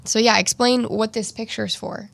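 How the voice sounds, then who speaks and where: A woman's voice: fairly high pitch, fairly even intonation, normal speed, creaky, a bit bright, dry recording. A woman casually interviewing someone, asking questions in an informal conversational style.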